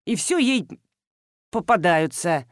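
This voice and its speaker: A woman reading an audiobook, voicing a hot-tempered middle-aged male farmer who talks loud, scolding and mocking. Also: lowish voice, lively intonation, slow pace, dry recording, clean studio sound. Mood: angry. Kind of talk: audiobook dialogue.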